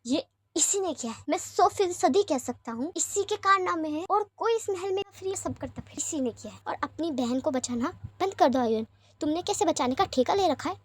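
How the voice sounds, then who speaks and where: A stern, nagging palace mother, as a woman reads her lines scolds in a high, exasperated voice. The sound is close and dry, with no room around it. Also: lively intonation, normal speed, no room sound.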